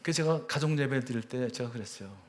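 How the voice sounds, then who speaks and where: A man in his fifties, a church elder, telling his personal testimony with earnest storytelling, his voice swelling high at emotional peaks and dropping to a hushed near-whisper at tender moments. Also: fast talker.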